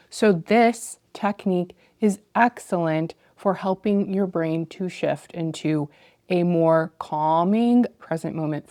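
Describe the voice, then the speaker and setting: Female meditation instructor, slightly low register, informal explainer style leading into guided practice. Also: darkish tone, no echo, studio quality. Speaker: meditation teacher.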